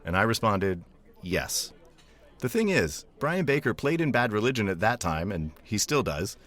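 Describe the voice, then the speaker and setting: A man's voice: on the low side, big pitch swings, moderate pace, a bit bright. A man in his forties hosting a podcast, telling a scripted story with dry, self-deprecating humor. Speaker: podcast host. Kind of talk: scripted monologue intro.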